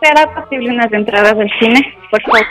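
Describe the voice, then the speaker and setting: A woman's voice: fairly high pitch, a little fast, over music. A woman in her late twenties calling in to a radio show and answering questions shyly. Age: 20s. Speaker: caller. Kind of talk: phone-in chat.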